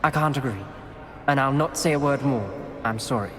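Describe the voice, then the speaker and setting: An actor playing a wary, firm teenage schoolboy wizard in a video game. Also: male voice, medium pitch, normal speed, a bit bright, natural voice. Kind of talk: video game dialogue acting. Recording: long reverb under music.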